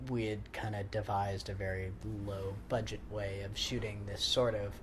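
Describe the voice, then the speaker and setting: A man's voice: fairly low pitch, flat delivery, normal speed. Rambling man in a noisy living room recording. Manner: rambling, informal, trailing off. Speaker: film director and writer giving audio commentary. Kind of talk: casual film commentary chat. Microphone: handheld portable recorder in the room.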